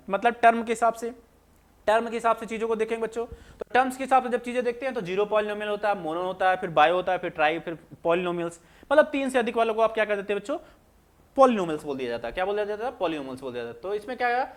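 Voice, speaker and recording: A man. He keeps asking the class questions and answering them himself, repeating each point in a patient, drawn-out way. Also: sits high. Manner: repetitive, asks students questions then answers them. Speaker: maths teacher. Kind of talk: classroom lecture explaining on screen.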